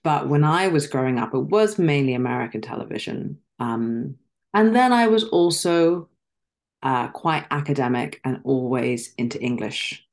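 A middle-aged Zimbabwean actress, appearing as a guest, chats casually over a video call from a dim room in her home. Her bass voice is expressive and moves at a normal speed, and she talks articulately and reflectively, with soft laughs and ums.

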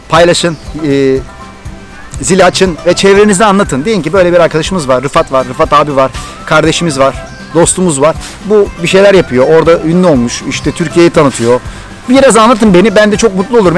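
A middle-aged Turkish man with a Thracian accent tells a story to his vlog audience, talking fast and eagerly. His voice sits a little high, and faint music plays behind him. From Turkey. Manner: excited, animated storytelling. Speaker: vlogger.

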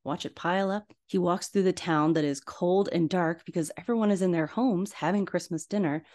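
A woman podcast host, retelling a cartoon scene by scene in a lively, playful way and acting out the characters' lines. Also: lowish voice, brisk. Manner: animated, playful storytelling with acted-out quotes. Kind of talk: casual film recap.

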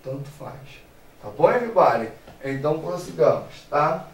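A man with a Brazilian accent teaches grammar in a playful, animated way, asking questions and answering them himself. His voice sits a bit high and sounds a little far from the mic. The room around him is echoey, with a faint hum of ambience. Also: normal speed. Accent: Brazilian Portuguese. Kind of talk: lively grammar lesson.

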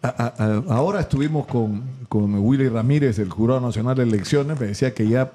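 A man's voice: mid-range voice, brisk, dark tone, a little hiss or hum. A male radio host from Peru, telling stories and laughing easily in a casual interview.

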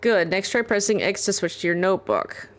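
A woman's voice: mid-range voice, sing-song, brisk, lightly acted. Woman reading as a snarky money-hungry cat spirit. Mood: condescending. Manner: sarcastic, condescending read-aloud. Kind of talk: reading game dialogue aloud.

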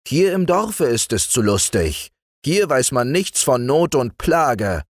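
A man voicing a coaxing, flattering sorcerer. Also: medium pitch, takes it slowly, dry recording, studio quality, pitched above the performer's own voice. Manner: persuasive, bowing and flattering. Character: smooth-talking male sorcerer, coaxing and tempting.

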